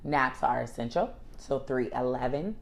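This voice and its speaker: A woman's voice: rumbling low, lively intonation, moderate pace. A wheezy-voiced woman co-hosting a casual podcast, speaking emphatically and repeating phrases in lists. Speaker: podcast co-host.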